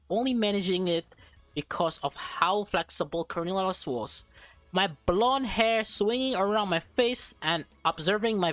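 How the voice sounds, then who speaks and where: Her pitch is fairly low here, and the recording has no echo. She's reading a visual novel for a let's play, performing the lines expressively, reacting offhandedly, and occasionally stumbling on words.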